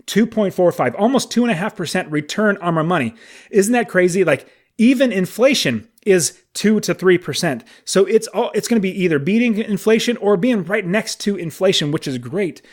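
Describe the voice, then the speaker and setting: Man in his late thirties, solo podcast host, slightly high voice, eager and chatty. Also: expressive, moderate pace. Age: 30s. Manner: enthusiastic, conversational, emphatic asides.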